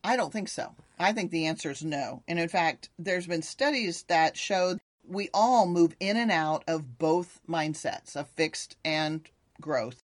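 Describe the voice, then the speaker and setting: Low-voiced woman coaching on mindset. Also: animated, a little slow, few pauses, dry recording. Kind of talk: casual podcast conversation.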